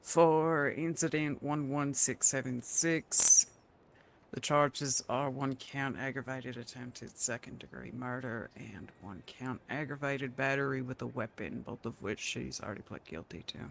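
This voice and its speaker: A man's voice: medium pitch, unhurried, creaky, a bit bright, slight background noise. A man playing a prosecutor in a role-play courtroom, formally reading out long lists of charges.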